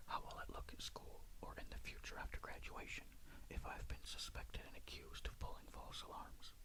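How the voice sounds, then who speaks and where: A storyteller reading a ghost story in a breathy, hushed, suspenseful whisper, in ASMR style. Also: normal speed.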